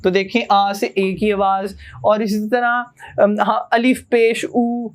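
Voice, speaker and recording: Young man, high voice, student teacher, patient classroom explanation, questions to the class. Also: level tone, clean tone. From Pakistan. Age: young adult. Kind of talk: classroom grammar lesson.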